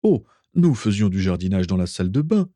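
A cheerful older man talks in a low, untroubled voice, always amiable, as a man reading a storybook plays him. His tone moves lightly up and down. The sound is dry and close. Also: sing-song, moderate pace, warm tone, slightly rough, no echo. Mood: jovial. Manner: jovial, unfailingly amiable. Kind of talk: audiobook reading.

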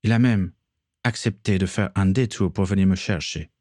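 A man's voice: deep voice, warm tone, dry recording, studio quality. A man voicing a remorseful, earnest young man in a read-aloud story. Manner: slow, deliberate.

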